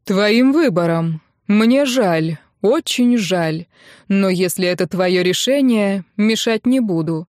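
A woman's voice: mid-range voice, lively intonation, slow pace, darkish tone, no room sound, studio quality. Woman doing a sad, reproachful father. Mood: sorrowful.

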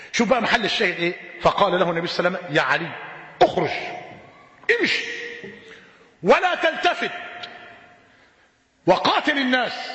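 A man with an Egyptian Arabic accent preaching a sermon, telling stories and throwing out rhetorical questions. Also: high voice. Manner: animated storytelling, rhetorical questions. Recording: echoey hall with long reverb.

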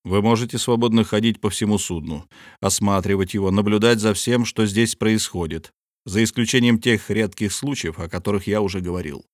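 In an audiobook character reading, a man with a fairly low voice plays a stern, proud submarine captain, speaking coldly, measuredly and with authority. His delivery is lightly acted, and the clean studio recording has no room sound.

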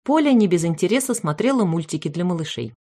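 A woman reading aloud a humorous family story in the first person, with wry, lively storytelling. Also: fairly low pitch, quick pace. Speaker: audiobook reader.

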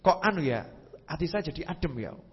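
A man giving a religious lecture, telling stories with sudden leaps in pitch and voiced sound effects. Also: very animated, a little fast, breathy edge. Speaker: preacher. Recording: lo-fi hall recording with long reverb.

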